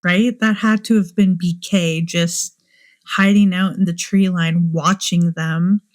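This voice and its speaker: A woman's voice: lowish voice, steady tone, slow pace. A woman hosting a true crime show, musing aloud and asking many rhetorical questions. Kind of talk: speculative true crime commentary.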